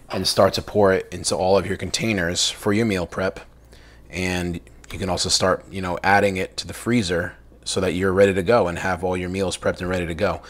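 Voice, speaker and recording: Young guy with a low voice doing a chatty cooking vlog in his kitchen, lots of um and uh. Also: slight background noise. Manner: chatty, enthusiastic, many fillers. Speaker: cooking channel host. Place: home kitchen.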